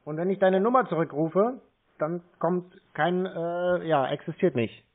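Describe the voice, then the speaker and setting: A high-voiced man speaks unhurriedly through a tinny narrowband phone connection. Blunt and mocking, this scam-baiting prank caller keeps the call confrontational.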